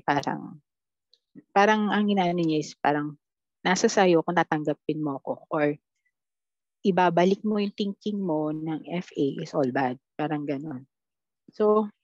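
A woman telling her experiences as a podcast guest, quoting her own dialogue in a blunt, animated way. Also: lowish voice, no echo, lo-fi sound. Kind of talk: casual storytelling chat.

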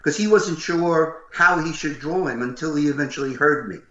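An older man with a loud, gruff voice, telling animated stories as a voice actor being interviewed. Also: on the high side, normal speed. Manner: animated, acts out what others said. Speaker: voice actor guest. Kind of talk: interview storytelling. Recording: roomy, slightly dull recording.

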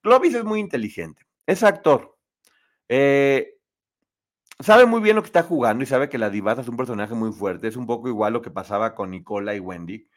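A man hosting a casual live show, chatting opinionatedly and reading viewer comments. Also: moderate pace. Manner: chatty, opinionated, lively pitch swings.

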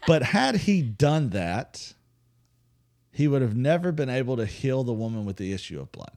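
A man with a mid-range voice, speaking at normal speed, co-hosts a faith podcast. He retells a Bible story casually and with humor, animatedly acting out the characters' voices.

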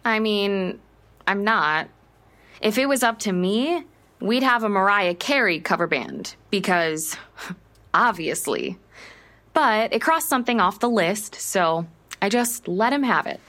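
An actress playing an anxious, uptight young American bride-to-be and affectionate big sister in a naturalistic audio drama. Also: female voice, mid-range voice, expressive, takes it slowly, a bit bright, no room sound. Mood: wry, resigned. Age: young adult. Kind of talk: scripted audio drama, naturalistic dialogue and narration.

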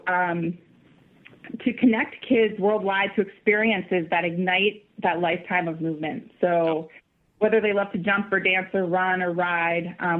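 A woman who is a guest on a radio talk show, upbeat and explaining her program from her notes. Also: lowish voice. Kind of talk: phone interview. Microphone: phone. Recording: tinny phone line.

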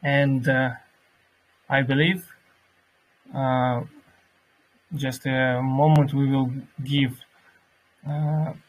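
Male, native Russian speaker, slightly husky, slow halting delivery, online workshop host. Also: mid-range voice, little pitch movement, poor audio. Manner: halting, searching for words in English. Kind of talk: announcing and introducing a guest to online listeners.

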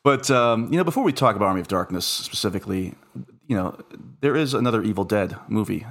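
Joking low-voiced man hosting a podcast. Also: animated, fast talker. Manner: joking, self-deprecating. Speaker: podcast host. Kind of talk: casual podcast chat.

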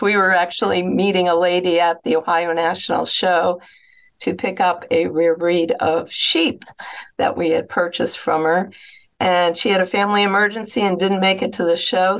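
A middle-aged woman from New England, a guest telling relaxed stories in a casual interview. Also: lowish voice.

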